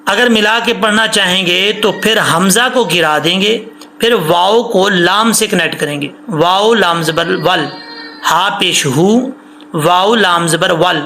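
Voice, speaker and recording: A man teaching Quran recitation rules, explaining in casual speech and then chanting words slowly, syllable by syllable, to show how they should sound. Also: sits high, pushed and bright, slight background noise. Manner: breaks verses into syllables, stretches sounds to show length. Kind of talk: tajweed lesson, slow recited examples between explanations.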